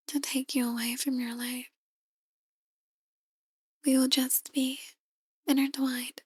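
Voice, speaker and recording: A woman acts out an ASMR roleplay as a possessive, soft-spoken female demon, coaxing in a high, breathy, hushed voice that often slips into whispers. The performance is heavily acted, and there's no echo.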